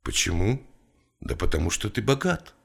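A gloomy male writer pleads with a friend in an earnest, insistent monologue, as a man reads him aloud. The voice sits low with a gravelly rasp. It is an audiobook character, spoken with conviction. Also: very animated, normal speed, exaggerated voice. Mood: pleading.

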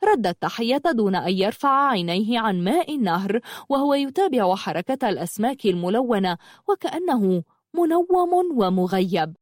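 A woman narrating an audiobook in a measured, literary storytelling manner. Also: fairly high pitch, animated, no room sound, studio quality.

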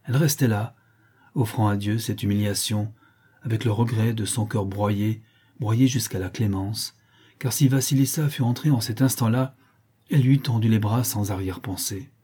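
A man narrating a classic novel as an audiobook, in a measured, expressive storytelling manner. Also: lowish voice, slightly rough.

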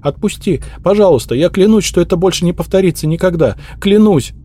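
A man voicing a frightened young female maid who pleads and makes excuses in a rushed, tearful way. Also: on the high side, lively intonation, warm tone, a little hiss or hum, voice pushed up, natural voice. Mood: terrified.

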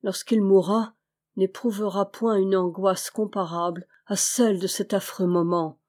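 A woman voicing a grieving man who speaks with strain as he recounts a dark story. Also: medium pitch, fairly even intonation, unhurried, natural voice. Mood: grave. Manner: strained, effortful. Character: grieving man telling a grim tale.

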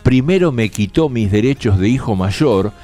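A man's voice: mid-range voice, expressive, normal speed, warm tone, faint music behind, lightly acted. A man voicing a desperate grown son begging his father for a blessing, in a raised, strained voice. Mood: pleading, bitter.

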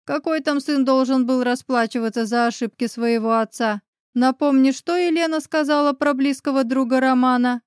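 A woman's voice: high-pitched, steady tone, normal speed, clean tone, dry recording, studio quality, voice pushed up, close to an everyday voice. A woman voicing a brash, sarcastic male lawyer friend in an audiobook. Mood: friendly. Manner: mocking, ironic.

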